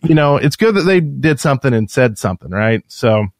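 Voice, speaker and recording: A man's voice: mid-range voice, lively intonation, fairly quick, dry recording. Rambling chatty man, dry close sound. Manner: rambling, self-correcting, chatty. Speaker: podcast co-host. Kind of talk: casual chat.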